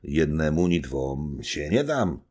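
Steady little knight, calm and curt, close to the reader's own husky voice, read by a man. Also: extremely low pitch, slow pace, heavily acted.

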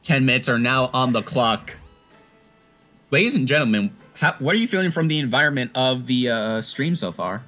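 A man's voice: medium pitch, soft background music. Heldere jonge man als commentator. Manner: excitable, swearing, rapid auctioneer-style patter. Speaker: stream commentator. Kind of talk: casual esports commentary.

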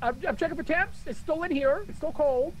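A man heard through in-game proximity voice chat, teasing his co-op partner with playful, quick callouts. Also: very high-pitched, a little hiss or hum, rough recording. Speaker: co-op gaming partner. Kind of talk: casual gaming chat.

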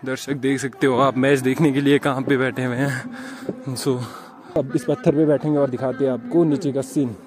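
A man's voice: medium pitch, little pitch movement, moderate pace, few pauses, crowd noise. A young man hosting a casual travel vlog, talking to viewers while walking outdoors on a forested mountain trail, tired from the climb. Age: young adult. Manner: chatty, showing viewers around on foot. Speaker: vlogger. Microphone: handheld camera at arm's length.

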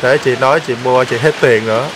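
A man's voice: medium pitch, steady tone, a little fast, background noise. A man hosting a vlog, teasing and prodding someone with repeated questions. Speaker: vlog host. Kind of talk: teasing casual chat on camera.

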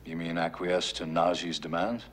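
Actor as grave, commanding older American official, very deep. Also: male voice, level tone, moderate pace, slight background noise, close to an everyday voice. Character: grave older male government chief, commanding and terse. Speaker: senior government official chairing a briefing. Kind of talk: film drama acting.

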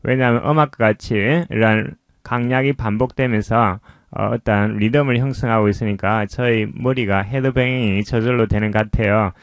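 A man teaching English pronunciation, explaining slowly and patiently in a lesson voice-over. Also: fairly low pitch, fairly even intonation, no room sound, studio quality.

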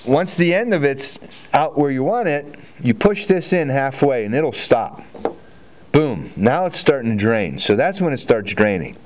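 With a sing-song, medium-pitched voice and a darkish tone, this forty-something spa store owner chats through an upbeat demonstration at a measured pace, moving and gesturing around the big indoor showroom. The distant camera mic captures roomy sound with slight background noise.

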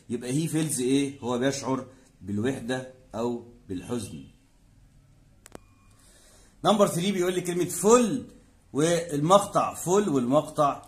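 A man with an Egyptian Arabic accent, an English teacher explaining a textbook lesson. He reads English example sentences slowly and asks questions that he answers himself. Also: mid-range voice, darkish tone.

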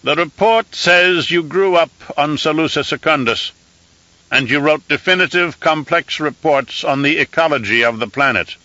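An audiobook narrator voicing an ancient, gaunt emperor with a reedy, scratchy voice and an imperious, cackling manner. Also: male voice, a little high, normal speed, sharp tone, no echo, muffled recording, pitched above the performer's own voice. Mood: amused. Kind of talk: audiobook character voice.

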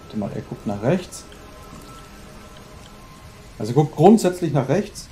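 A man's voice: a little high, very animated, measured pace, mellow, soft background music. A man narrating a horror game as let's play host, chatty and dropping English exclamations into his German.

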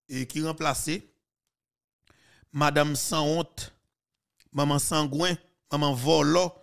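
A man's voice: on the high side, creaky. Heated Haitian man on a podcast. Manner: heated, mocking, with sudden loud outbursts. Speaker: podcast commentator. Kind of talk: political commentary. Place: small studio. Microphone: studio mic with headphones.

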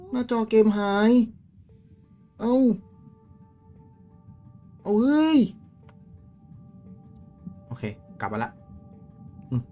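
A young man streaming a game live, chatting with viewers in a crude, swearing, excitable way. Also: medium pitch.

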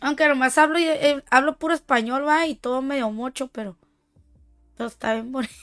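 A woman's voice: sits high, fairly even intonation, fairly quick, faint music behind. A woman with a Mexican accent streaming a shooter game, chatting casually with playful, teasing, boastful banter. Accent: Mexican Spanish. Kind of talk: casual gaming stream chat.

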